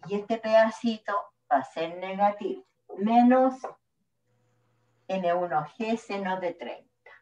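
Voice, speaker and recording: Slow Chilean woman teaching in an echoey classroom. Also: mid-range voice, mellow. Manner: patient, step-by-step explaining. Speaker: physics teacher. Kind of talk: classroom lecture at the board. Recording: echoey room, distant mic, dull sound.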